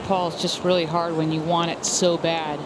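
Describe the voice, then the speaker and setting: A man gives plain-spoken golf commentary as an analyst. His voice is on the high side and very even in pitch, over loud outdoor noise. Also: normal speed.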